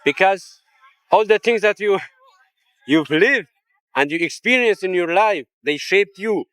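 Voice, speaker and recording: A man's voice: high-pitched, expressive, unhurried, fairly bright tone, dry recording, low-quality recording. A man who is not a native English speaker, with a foreign accent, debating casually and searching for words. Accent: non-native English. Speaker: debater in a street interview.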